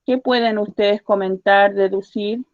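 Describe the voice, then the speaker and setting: A woman teacher giving a science lesson to children, patiently repeating her questions and slowly spelling out each point. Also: medium pitch, steady tone, dull audio, a little hiss or hum. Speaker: primary school teacher.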